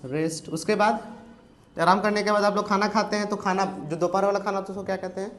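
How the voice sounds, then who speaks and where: An Indian man teaching spoken English in a classroom, drilling students with quick questions. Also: high voice, steady tone, fairly bright tone.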